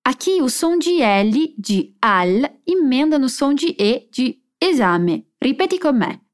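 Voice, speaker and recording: A woman teaching a language lesson, slowing down to model phrases clearly for learners to repeat. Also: high voice, sing-song.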